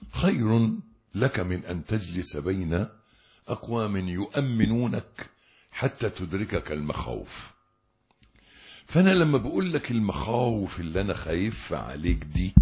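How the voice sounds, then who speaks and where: A man with an Egyptian Arabic accent, giving a religious lesson as a preacher who talks straight to his listeners with passion, moving between quiet recitation and loud urging. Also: deep voice, husky. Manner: impassioned, addresses the listener directly.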